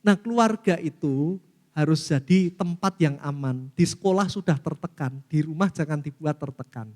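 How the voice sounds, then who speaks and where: A man's voice: fairly high pitch, normal speed. A middle-aged pastor preaching a sermon with an Indonesian accent, calling out to the congregation as he teaches. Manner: lively preaching, often addresses listeners as saudaraku. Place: church hall. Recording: long reverb of a church hall.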